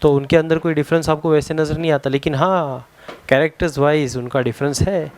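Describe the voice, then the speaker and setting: A man with an Indian accent teaching a science lesson to a class, mixing two languages, pausing to search for words. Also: a little high, steady tone, darkish tone, slight background noise. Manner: explains in a Hindi and English mix, spells words out; halting, searches for words with many fillers.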